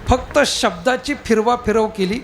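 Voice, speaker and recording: Male kirtankar, high and lively, tabla behind. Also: moderate pace, over music. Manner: animated, rhetorical questions to the crowd. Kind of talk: devotional kirtan storytelling. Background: tabla and instruments.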